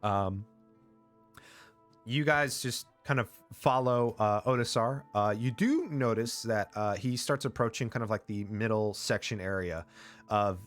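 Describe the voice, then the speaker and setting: A man's voice: on the low side, lively intonation, a little slow, fairly bright tone, faint music behind. A man narrating as game master, rambling with lots of fillers.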